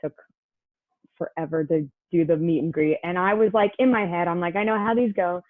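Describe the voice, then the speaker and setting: A woman's voice: lowish voice, a little fast, no echo. A young woman telling a personal story in a chatty way, full of "like" fillers and acted-out quotes. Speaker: guest. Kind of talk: casual storytelling. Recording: tinny phone-like line, dry.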